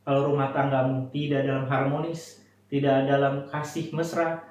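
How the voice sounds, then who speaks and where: A young man preaching a devotional sermon with fervent exhortation, then praying in a hushed voice. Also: medium pitch, little pitch movement, moderate pace. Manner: fervent, exhorting, calls out hallelujah; hushed, quiet when praying. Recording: very echoey room.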